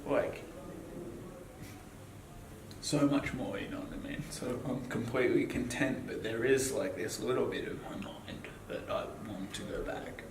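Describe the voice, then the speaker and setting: This twenty-something Australian talks a little slowly in a mid-range voice. He is a guest in a laid-back interview, wandering through his thoughts with fillers and curse words, and the recording sounds distant, echoey and noisy.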